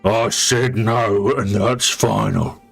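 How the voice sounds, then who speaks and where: A man acts out a huge, battle-scarred fantasy chief in a tabletop game. He refuses flatly and curtly, leaving no room for argument, with music behind him. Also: lowish voice, takes it slowly, gravelly, husky, heavily acted. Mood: flat refusal. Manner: flat refusal, curt and final. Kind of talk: tabletop fantasy role-play.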